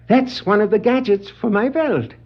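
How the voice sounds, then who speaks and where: An actor playing a gleeful, vengeful crime clown who gloats theatrically and cackles, in a 1960s superhero audio drama. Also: male voice, very high-pitched, heavily acted. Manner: frequent wild cackling laughter, theatrical gloating. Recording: vintage dull lo-fi vinyl record, music.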